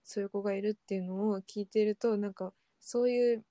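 A young woman in relaxed podcast chat, speaking candidly and haltingly, often pausing on fillers. Her voice is mellow and on the dark side. It sits dry and close to the mic. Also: medium pitch, no echo. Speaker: podcast co-host. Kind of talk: casual chat.

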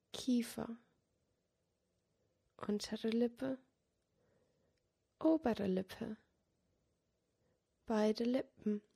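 A woman guiding a meditation in a soft, soothing, dreamy and breathy voice, giving short spoken cues. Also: on the high side. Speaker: yoga nidra meditation guide. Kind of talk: guided meditation body scan, slow spoken cues.

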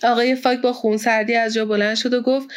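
A woman narrating an audiobook with steady, even storytelling. Her voice sits somewhat high for a woman. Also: smooth.

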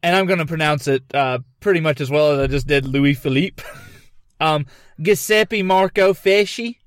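A man's voice: a little fast, no room sound, studio quality. A man co-hosting a casual comedy podcast, telling a story and often breaking into giggles. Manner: giggly, breaks into high laughter, puts on silly voices. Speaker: podcast co-host.

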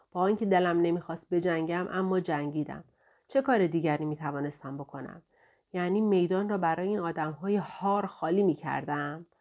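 A woman voicing an angry, bullying middle-aged male innkeeper who talks in a loud, threatening way in an audiobook. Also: lowish voice, lightly acted.

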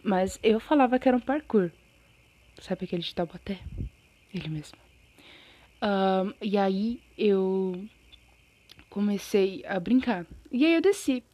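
A woman's voice: mid-range voice, measured pace, long pauses, muffled recording. Chatty Brazilian woman with a scratchy throat. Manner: chatty, animated, loses her thread and apologizes. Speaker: storyteller. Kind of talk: casual storytime monologue.

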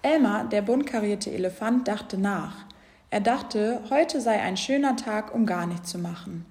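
A woman reading a children's storybook aloud in a gentle, clear voice. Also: medium pitch, measured pace.

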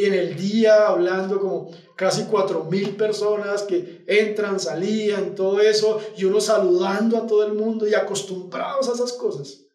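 A male youth pastor preaching a sermon, telling a scripture story dramatically and dropping to hushed, calming phrases, recorded from a distance in an echoey room. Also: sits high.

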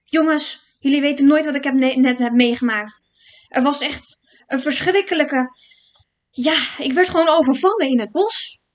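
A woman voicing a frightened young brother who talks loudly, shrilly and in a rush. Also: sing-song. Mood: agitated. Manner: loud, shrill and rushed. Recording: dull lo-fi recording.

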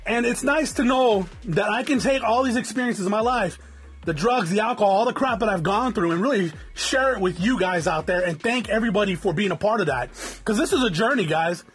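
With faint music playing behind him, a Southern California man in his forties hosts his own podcast from a desert home. His high voice runs a little fast through the unscripted, rambling monologue, delivered with a stuffy nose, plenty of profanity and repeated words.

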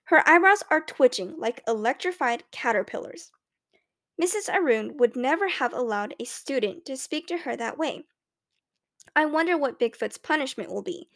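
A woman reading a children's novel aloud in the first person, with clear, expressive storytelling. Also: sits high, normal speed. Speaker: audiobook narrator. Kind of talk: scripted first-person audiobook narration.

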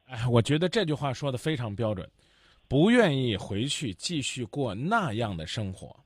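A man's voice: mid-range voice, very animated, normal speed, no echo, studio quality. Blunt lecturing male radio host. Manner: blunt, lecturing, cuts the caller off. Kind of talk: call-in radio advice.

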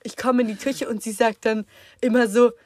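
A woman's voice: a little high, fairly even intonation, moderate pace, darkish tone, no echo, studio quality. A teenage girl hosting a podcast, chatting casually and rambling with lots of fillers. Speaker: podcast host. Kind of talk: casual sibling chat.

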